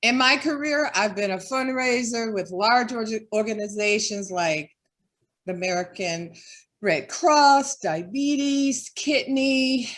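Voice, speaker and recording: Earnest woman guest talking slow and heartfelt about her nonprofit work. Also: medium pitch. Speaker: development director. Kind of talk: interview guest.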